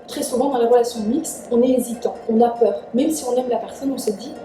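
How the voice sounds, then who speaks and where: Young woman vlogger, born in Iran, earnest and chatty; dark, soft tone, sits back from the mic. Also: a little high, fairly even intonation, brisk. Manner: earnest, chatty, frequent "en fait". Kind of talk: casual advice vlog. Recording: echoey room, distant mic, faint music.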